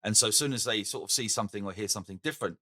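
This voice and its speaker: A middle-aged man from England chats casually as a podcast co-host. His voice is bright and forward, and he talks in an animated way. The sound is dry and close. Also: lowish voice, racing, dry recording. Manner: animated, swears and laughs easily. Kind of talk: casual chat.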